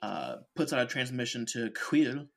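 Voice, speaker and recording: A man with a mid-range voice casually recaps for a podcast. He often pauses on fillers and drops in wry asides as he goes. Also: medium pitch, very animated, vocal fry, a bit bright. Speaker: podcast co-host. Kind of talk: casual chat.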